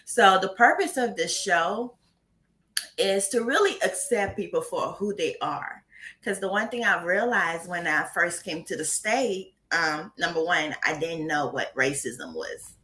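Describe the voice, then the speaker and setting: A woman from Haiti talks candidly in a casual interview, blunt and quick to laugh. Her voice sits low but sounds bright and forward. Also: animated. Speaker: guest.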